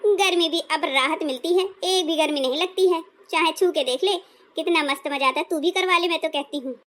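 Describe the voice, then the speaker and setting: Woman doing a bald old cartoon woman, carefree, chatty, very high-pitched, bright. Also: brisk. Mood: cheerful. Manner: chatty, unbothered. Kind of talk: cartoon voice acting.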